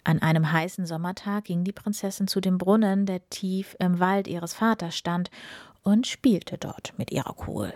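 A woman's voice: fairly low pitch, normal speed, darkish tone, no room sound, clean studio sound. Friendly young woman reading a fairy tale. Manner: friendly, chatty welcome. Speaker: storyteller host.

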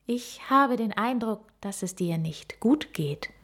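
A woman voicing a wise old female owl in a storybook reading, speaking calmly and gently. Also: fairly high pitch, full character voice. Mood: gentle. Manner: calm, gentle and unhurried.

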